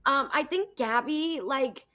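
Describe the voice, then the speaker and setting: A woman's voice: high-pitched, slow, bright, forceful tone. A woman in her twenties co-hosting a reality TV recap over a video call, chatting casually in a rambling way full of "like". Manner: rambling, filler-heavy with frequent "like". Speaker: co-host of a reality TV recap show. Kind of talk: casual chat commentary.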